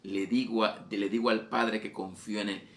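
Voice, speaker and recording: A man's voice: fairly low pitch, level tone, moderate pace, fairly bright tone. A man preaching a fervent sermon, repeating phrases and raising his voice on exhortations. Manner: fervent, repetitive, voice rising on quoted exhortations.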